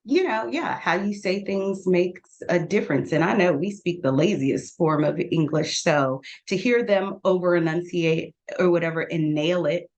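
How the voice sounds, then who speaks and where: A woman's voice: fairly low pitch, normal speed, few pauses. A middle-aged woman on a podcast, chatting casually and telling stories with acted-out quotes and frequent laughter. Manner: animated storyteller who acts out quotes and laughs often. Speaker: guest.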